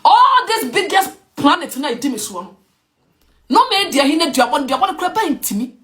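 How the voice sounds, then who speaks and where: A Ghanaian woman delivers a fired-up opinion rant, sliding between English and Twi. Her voice sits high and swings widely in pitch as she presses her points. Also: sing-song, normal speed, a bit bright. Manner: emphatic, mixes English with Twi. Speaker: online commentator.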